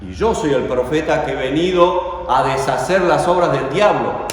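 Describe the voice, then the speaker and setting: A preacher voicing a stern, commanding prophet. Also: male voice, fairly high pitch, lively intonation, normal speed, background noise, pitched above the performer's own voice, natural voice. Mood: proclaiming. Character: commanding adult male prophet rebuking a spirit. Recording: echoey hall, voice from far off.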